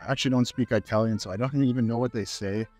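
Here a fitness vlogger from Canada, in his thirties, speaks quickly in a mid-range, darkish voice. It's a casual walk-through vlog: he wanders a grocery store on a lapel mic, talking to camera in a chatty, upbeat way with fillers, as soft music plays.

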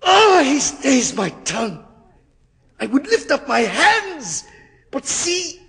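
A doomed scholar in torment, as an actor plays him, delivered with the sweep of classical stage drama. His voice is husky and swings widely in pitch, dropping to hushed whispers and rising to anguished cries. The words come slowly and linger in a long hall reverb. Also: expressive.

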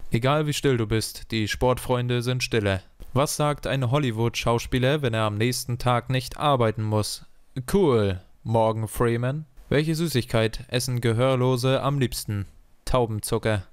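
Deadpan man with a smooth, dry voice. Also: medium pitch, no echo. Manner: deadpan question-and-punchline delivery, slowing on punchlines. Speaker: joke teller. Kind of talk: reading one-liner jokes.

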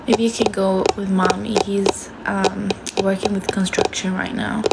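Young Swedish woman, phone held close, loose and chatty, a bit of vocal fry. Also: medium pitch, level tone, unhurried, very noisy. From Sweden. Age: young adult. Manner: chatty, swears casually, switches between languages. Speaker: livestream host. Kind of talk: casual chat reading viewer comments. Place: small bedroom indoors.

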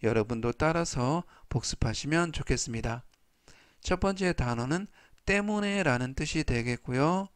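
A man teaching English vocabulary in a formal, polite way, saying each word slowly three times. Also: fairly high pitch, lively intonation, clean tone, no echo, studio quality. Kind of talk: slow scripted vocabulary lesson.

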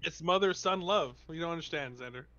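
A quick-talking man with a fairly high, bright voice, telling crude stories deadpan during a gaming session. He acts out the quotes in his stories. His mic sounds dull and lo-fi. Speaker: co-player and friend. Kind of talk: casual gaming chat with a friend.

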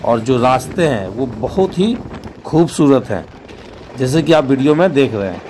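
A man narrates a voice-over for his travel vlog, giving informative tips to his viewers. His pitch is mid-range for a man. Clear background noise runs under his voice. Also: lively intonation, normal speed, darkish tone. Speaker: travel vlogger.

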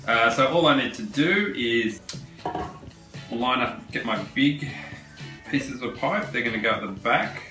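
A man, a woodworking host who explains a project in a relaxed, chatty way with fillers. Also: medium pitch, a little slow, pauses often. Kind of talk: casual how-to narration. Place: large home workshop, indoors. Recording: roomy workshop sound, mic at a distance, music under the voice. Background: background guitar music.

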